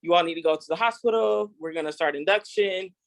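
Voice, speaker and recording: Young woman, animated storyteller, casual group talk, dry close sound. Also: fairly low pitch, quick pace, vocal fry, dry recording. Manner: animated storyteller, acts out quoted voices. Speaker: group member sharing a testimony.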